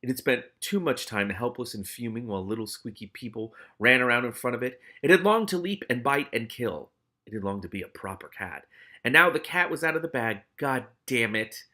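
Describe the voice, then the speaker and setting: A man gives an expressive audiobook-style reading of a novel, pausing for casual, exclamatory and sweary reactions. He speaks briskly and expressively at medium pitch, with a sharp tone.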